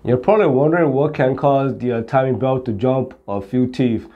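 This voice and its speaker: Speaking at a normal speed with a medium-pitched voice, a middle-aged man walks through a car repair on camera in plain, step-by-step terms. He's an auto repair instructor, and the audio sounds dull.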